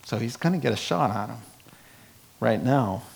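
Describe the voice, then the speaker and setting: A man's voice: mid-range voice, lively intonation, normal speed, gravelly. A man with a Brooklyn accent preaching in a conversational, emphatic way, acting out bits of imagined dialogue as he teaches. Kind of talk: conversational Bible-teaching sermon.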